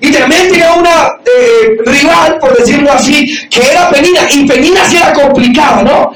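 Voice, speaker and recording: A man pastor preaching a sermon loudly to a congregation, shouting for emphasis and acting out quoted voices. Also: extremely high pitch, normal speed, distant mic. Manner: acts out quoted voices in dialogue. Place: church or meeting hall with audience. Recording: echoey room, mic from afar, audience noise.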